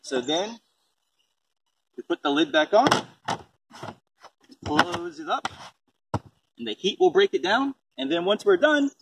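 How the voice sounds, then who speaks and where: A man reads a picture book in a high, sing-song, gravelly voice, going slowly and pausing often. He explains composting in simple terms and asks a young child questions, the way a parent does. Faint background noise and a distant microphone mark the recording.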